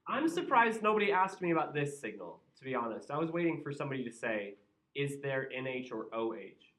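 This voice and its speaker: A man's voice: medium pitch, big pitch swings, brisk, a bit bright. A man with a Midwestern American accent teaching a chemistry class, conversational and joking, asking the students questions. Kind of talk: classroom lecture. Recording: roomy, distant and dull classroom sound.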